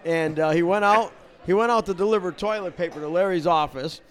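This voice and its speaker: A man's voice: sits high, brisk, fairly bright tone. A man in casual chat, telling a story with lots of "you know" fillers. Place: convention center room.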